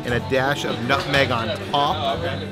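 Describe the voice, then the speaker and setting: A man co-hosting a travel vlog, explaining things in a relaxed way with light humor. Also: mid-range voice, moderate pace, loud music behind the voice. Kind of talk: casual chat and voice-over narration.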